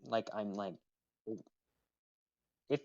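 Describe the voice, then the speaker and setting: A man's voice: fairly low pitch, extremely slow, creaky, a little mellow, dry recording. Hesitant man over dull, lo-fi voice chat. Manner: hesitant, full of "like" and restarts. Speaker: fellow player. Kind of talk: casual gameplay chat.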